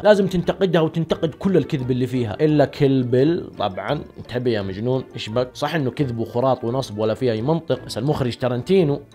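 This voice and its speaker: A man's voice: mid-range voice, a little mellow. A young man giving sarcastic mock advice in a teasing comedy monologue. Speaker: comedy YouTuber.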